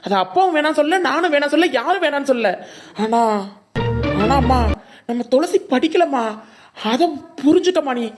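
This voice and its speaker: A woman voicing an earnest young adult son in a cartoon, speaking with a Ramanathapuram Tamil accent and gently pleading with his mother. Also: high-pitched, moderate pace, pauses often, over music, natural voice.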